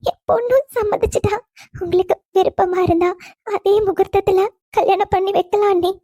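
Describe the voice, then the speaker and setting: A woman's voice: very high voice, steady tone, a little fast, warm tone, no echo, studio quality. A polite middle-aged mother. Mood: coaxing. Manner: polite, coaxing. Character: middle-aged mother speaking respectfully to an in-law. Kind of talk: cartoon voice acting.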